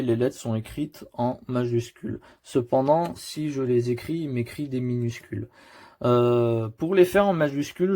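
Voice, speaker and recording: A man gives a computer tutorial, explaining each keystroke patiently and speaking straight to the viewer. His voice sits in an ordinary middle pitch, steady and plain. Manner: patient, step-by-step explaining with direct address. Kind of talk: screen-recorded keyboard tutorial.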